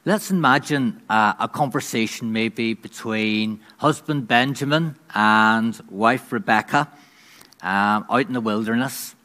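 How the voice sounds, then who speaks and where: A man's voice: on the low side, a little slow, pushed and bright. A man preaching a conversational sermon, with frequent restarts and acted-out voices. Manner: conversational, hesitant with restarts, dramatizing.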